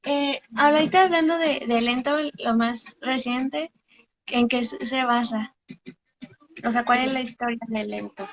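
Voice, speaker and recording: A woman asks casual interview questions in a fairly high voice, taking her time. The recording is a little muffled and lo-fi. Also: fairly even intonation, a little slow.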